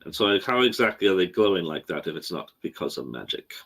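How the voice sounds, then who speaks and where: A man's voice: deep voice, very animated, quick pace, gravelly, a bit bright. A man playing a tabletop game, asking careful, probing questions in character. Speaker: player. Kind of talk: tabletop role-play.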